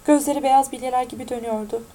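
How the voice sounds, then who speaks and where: A woman narrating an audiobook in a steady, even-toned reading. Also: sits high, racing, low-quality recording.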